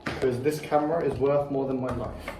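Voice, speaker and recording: A young vlog co-host chatting casually about a student film shoot, jokey and excitable, often cutting off their own sentences. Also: mid-range voice, moderate pace, very noisy. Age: young adult. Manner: jokey, excitable, self-interrupting. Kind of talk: casual chat.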